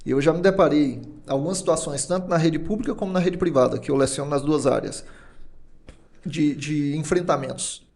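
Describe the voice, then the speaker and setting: A man's voice: on the high side, moderate pace. A middle-aged man, a teacher and politician, telling stories as a guest in a casual interview and acting out the dialogue in them. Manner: animated, acts out quoted dialogue in his stories. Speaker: guest teacher and state deputy.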